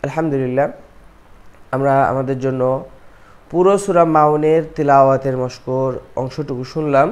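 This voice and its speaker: A man's voice: medium pitch, steady tone, normal speed, long pauses, dull audio. A man teaching Quran recitation, explaining pronunciation and repeating syllables to drill them. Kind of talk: recitation lesson with slow chanting and quick explanation.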